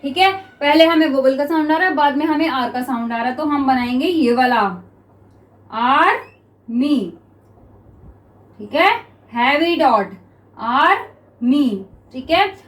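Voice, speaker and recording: A woman with a high voice and an Indian accent talks a little fast as she teaches shorthand. Reading out dictation slowly and checking comprehension often, she coaches the class with repeated uses of "students" and "clear?"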